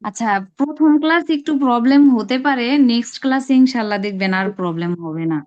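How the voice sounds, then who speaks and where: High-voiced woman teaching over a call. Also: quick pace, a little mellow. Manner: patient, explains step by step, draws out letter sounds. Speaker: Arabic pronunciation teacher. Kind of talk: online class lesson. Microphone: video call. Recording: lo-fi online call audio.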